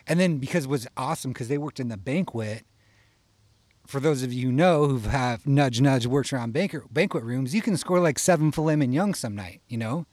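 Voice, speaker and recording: A man's voice: mid-range voice, a little fast, a little mellow, no echo. Guy from iowa rambling thru a story, swears a lot, keeps saying you know, dry sound. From Iowa, USA. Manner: rambling, profane, tags lines with "you know?". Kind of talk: casual personal storytelling.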